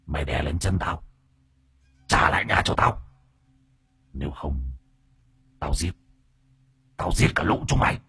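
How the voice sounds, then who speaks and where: A man's voice: a bass voice, unhurried, long pauses, sharp tone, breathy edge, pitched below the performer's own voice, exaggerated voice. A man voicing a vengeful female spirit possessing a woman, speaking in a menacing, hissing half-whisper. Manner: menacing, threatening.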